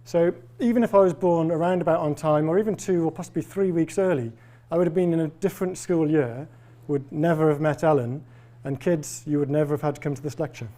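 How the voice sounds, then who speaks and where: Speaking before a live crowd in a lecture hall, this professor from Wales gives a public talk in a faintly Welsh accent. He's a man in his 40s with a mellow, fairly high-pitched voice and a fairly quick pace. His tone is chatty, wry, and quick to poke fun at himself.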